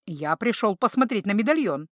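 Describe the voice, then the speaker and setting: A woman's voice: medium pitch, very animated, moderate pace, no echo, clean studio sound, natural voice. A woman reading an audiobook, voicing an unflappable male investigator with a composed, matter-of-fact manner.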